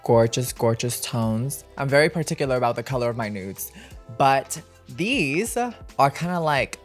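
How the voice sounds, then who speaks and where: A sassy drag queen hosts a casual get-ready-with-me makeup chat. The delivery is playful and emphatic at a medium pitch, and music plays along behind the voice. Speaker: makeup tutorial host, drag performer.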